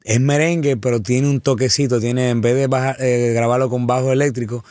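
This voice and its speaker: A man's voice: medium pitch, steady tone, fairly quick, a little mellow, no echo, studio quality. A man, a singer, chatting eagerly in an interview, often repeating and restarting words. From Dominican Republic. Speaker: singer guest. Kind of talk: casual interview chat.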